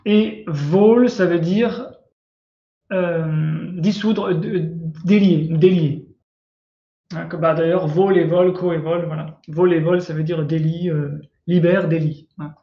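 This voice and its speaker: Man teaching, high voice, roomy lo-fi sound. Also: fairly even intonation, slow pace. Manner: patient, hesitant, many fillers and restarts. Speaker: Coptic language teacher. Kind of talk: recorded grammar lesson.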